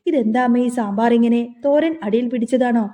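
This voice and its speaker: Woman reading a bossy, scolding older brother, mellow high voice. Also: brisk, long reverb tail, natural voice. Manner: scolding, threatening. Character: angry bossy young man, older brother.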